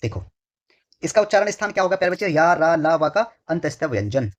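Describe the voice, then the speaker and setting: This online exam-prep tutor speaks fast in a fairly high voice with big pitch swings. He answers his own questions, repeats phrases several times, and addresses students affectionately, all captured on a dull lo-fi recording.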